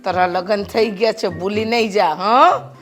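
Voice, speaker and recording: Brief: an actress as a middle-aged mother, mid-pitched, earnest and motherly. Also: a little slow, faint music behind, lightly acted. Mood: persuading. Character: kind-hearted mother, lecturing her grown son. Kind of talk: short film drama acting.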